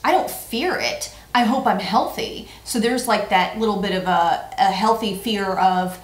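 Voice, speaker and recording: Answering tag questions on a vlog, a woman in her forties chats casually, her playful, emphatic co-host style marked by repeated words. She has a mid-range voice and a measured pace, and the audio is roomy and echoey.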